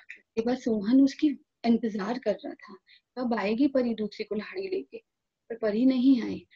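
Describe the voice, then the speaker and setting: A woman telling a story to school children in a lively storytelling manner. Her voice is high, breathy and mellow. The audio sounds dull and lo-fi. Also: a little slow.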